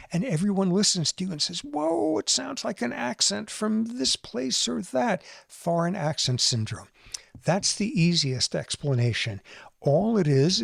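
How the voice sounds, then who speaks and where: A man with a somewhat high voice explains brain science in a relaxed lecturing way, with quick jumps into mimicry. The sound is dry and close to the mic, with no room behind him. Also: no echo. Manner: explanatory, animated, mimics accents briefly. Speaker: podcast host explaining neuroscience. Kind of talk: conversational lecture.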